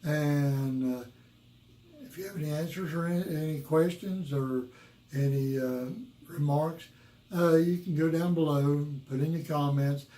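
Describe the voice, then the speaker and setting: A man teaches guitar in a roomy, echoing space. His voice is worn yet mellow and sits a little high. He talks casually and folksily, halting and circling back over what he has said. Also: steady tone. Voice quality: worn voice from years of rock and roll. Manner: folksy, halting, repeats himself. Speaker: guitar teacher and video host. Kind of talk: casual instructional talk to viewers. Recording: roomy, echoing room sound.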